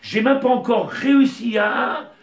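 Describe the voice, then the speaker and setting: A man leads a Torah lesson in an impassioned way, often pushing his high voice toward a shout. He sits some distance from the mic. The room rings with echo. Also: unhurried, vocal fry. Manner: impassioned, rises to near-shouting, mixes Hebrew terms. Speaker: rabbi teacher.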